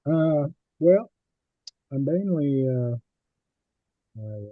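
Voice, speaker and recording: A man on a group call, speaking haltingly with many fillers while his glitchy audio keeps cutting out. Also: fairly high pitch, lively intonation, no echo. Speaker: team member on a group call. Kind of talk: casual chat. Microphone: computer mic on a video call. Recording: dull lo-fi call audio with dropouts.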